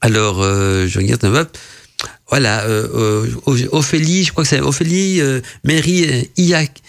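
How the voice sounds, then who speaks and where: A male radio host, not a native French speaker, reads out listeners' messages and interprets their dreams, rambling casually with plenty of fillers and restarts. His voice is gravelly, medium in pitch, and measured in pace.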